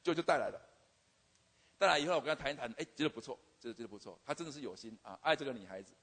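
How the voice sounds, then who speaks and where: Rapid, husky older man in a hall. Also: mid-range voice, fairly bright tone. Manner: stammering repetitions, frequent "OK" fillers. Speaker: university teacher giving a testimony. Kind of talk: humorous testimony storytelling. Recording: long hall reverb.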